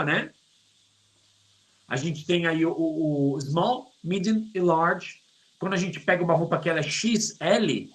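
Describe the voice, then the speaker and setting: Joking middle-aged Brazilian teacher. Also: male voice, a little high, poor audio. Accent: Brazilian Portuguese. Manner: lively, joking, drawls English words slowly for pronunciation. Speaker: English teacher. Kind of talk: online English lesson.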